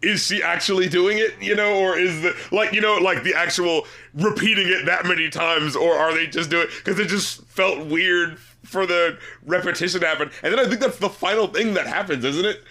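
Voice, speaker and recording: Man, high-pitched, bright tone, casual podcast chat, animated, quizzical. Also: moderate pace, few pauses. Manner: animated, quizzical, nitpicks word choice, laughs often. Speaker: album review podcast co-host.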